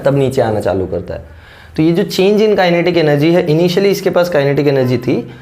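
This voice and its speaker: A man teaching physics with a sore throat, clearing it now and then and explaining step by step while checking that students follow. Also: a little high, mellow. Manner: explains step by step, keeps checking understanding with "correct?". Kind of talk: classroom-style lecture, Hindi mixed with English terms.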